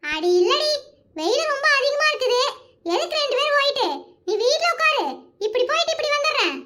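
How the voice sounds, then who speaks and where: A sly, scheming village woman whispers her plans in a high, bright voice, as a woman puts her on. She speaks in a conspiratorial hush, the voice of a homespun cartoon schemer. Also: sing-song, fairly quick, exaggerated voice. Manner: conspiratorial, drops to a low hush. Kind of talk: cartoon voice acting.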